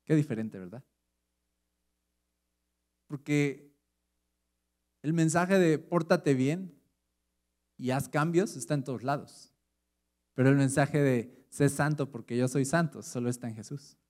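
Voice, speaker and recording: Conversational Mexican pastor preaching. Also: male voice, mid-range voice, unhurried, long pauses, darkish tone. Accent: Mexican Spanish. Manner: conversational, asks the audience rhetorical questions. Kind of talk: sermon.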